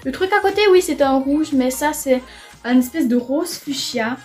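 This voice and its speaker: Young woman, high-pitched, chatty, enthusiastic beauty vlogger, trying on makeup at home, faint music behind. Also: normal speed, darkish tone. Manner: chatty, enthusiastic, repeats "franchement" often. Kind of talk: casual makeup try-on vlog. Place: home room near a window.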